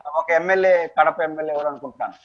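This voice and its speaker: A man's voice: a little high, fairly even intonation, rapid-fire. A man with a Telugu accent answering as a political analyst in an interview, arguing his points with rhetorical questions. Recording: dull lo-fi recording.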